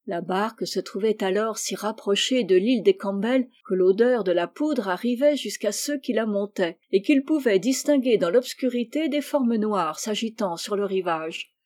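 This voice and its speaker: Mellow woman reading a children's story. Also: mid-range voice, expressive, normal speed. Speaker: audiobook reader. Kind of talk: storybook narration.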